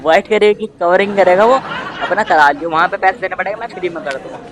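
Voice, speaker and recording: High-voiced animated stand-up comedian. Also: male voice, quick pace, crowd noise, noisy background. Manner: animated, mock-threatening rants.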